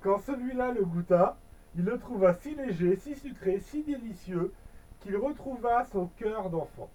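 A man reading a bedtime story aloud to a baby, with gentle, chatty asides. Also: high-pitched, expressive, measured pace, recorded from a distance, low-quality recording. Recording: voice a bit off-mic.

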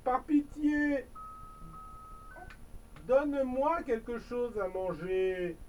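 Woman as old beggar, frail, kind, soft, slow. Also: fairly high pitch, animated, far from the mic, slight background noise, low-quality recording. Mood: gentle.

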